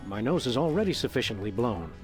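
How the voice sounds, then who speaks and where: A deadpan cartoon dog detective, voiced by a man, delivers dry quips with a lively, varied intonation. His lines are game dialogue with faint music behind them. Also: medium pitch, fast talker, lightly acted.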